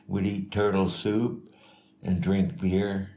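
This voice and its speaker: An older man telling life stories in a casual, rambling, halting way, as an interviewee. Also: low voice, flat delivery, warm tone. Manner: rambling, halting, chuckling delivery. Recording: echoey room with faint noise.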